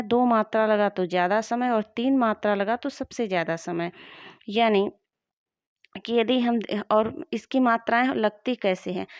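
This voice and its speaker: A woman teacher walks through a grammar lesson at a steady, patient pace, repeating every point so students can follow. She is recorded up close in a dry room, and the sound is dull and slightly muffled. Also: fairly high pitch, dry recording.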